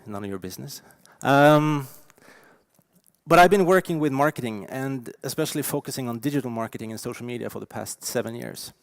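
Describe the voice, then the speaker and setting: A man in his forties from Norway with a Norwegian accent, giving a lively, emphatic conference keynote with frequent fillers. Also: medium pitch, brisk, vocal fry, no echo, studio quality. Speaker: keynote speaker. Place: conference stage.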